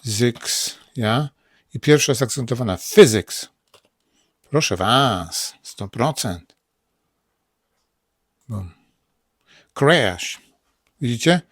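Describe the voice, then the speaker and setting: A man with a Polish accent teaching English pronunciation in a casual spoken lesson, saying words over and over slowly. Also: medium pitch, lively intonation, a bit bright, no room sound, studio quality. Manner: repeats words slowly, drilling them aloud.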